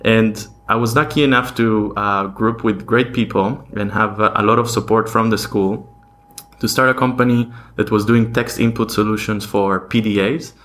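A man from Argentina, a podcast guest, answering in a thoughtful, steady way with frequent ums. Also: on the low side, normal speed. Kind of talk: interview answers.

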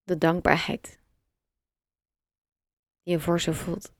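Calm, gravelly-toned meditation guide woman. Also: fairly low pitch, dry recording, studio quality. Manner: slow, soft and calm, with long pauses.

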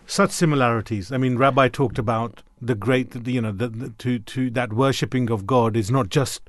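A male radio host with a mid-pitched voice interviews his guests with formal courtesy. His speech is recorded dry and close, and it often stops and restarts mid-phrase. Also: normal speed, no room sound.

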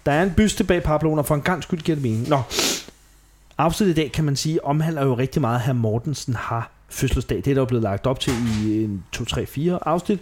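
A man's voice: medium pitch, a little mellow. A man hosting a podcast, chatting casually and retelling scenes with quoted lines and frequent laughs. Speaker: podcast host. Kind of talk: casual chat recapping a TV show.

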